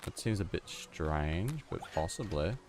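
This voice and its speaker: A man's voice: deep voice, expressive, a little slow. A man giving casual, mumbling commentary while playing a video game, with self-deprecating asides. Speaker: gamer.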